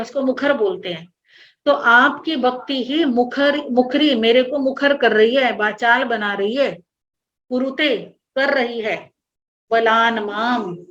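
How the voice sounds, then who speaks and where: A woman's voice: on the high side, a little slow, fairly bright tone. A woman religious teacher giving an online class, explaining a hymn line by line in a patient, repetitive way. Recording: dull lo-fi online class audio with faint noise.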